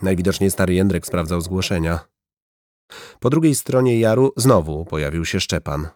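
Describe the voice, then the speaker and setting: A man narrating an audiobook in a measured, even reading voice. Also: sits low, no echo, clean studio sound. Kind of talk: scripted narration.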